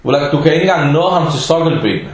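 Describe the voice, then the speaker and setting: A man giving an informal religious talk in a blunt, scolding and sarcastic way. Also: fairly high pitch. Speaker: preacher. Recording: very echoey room.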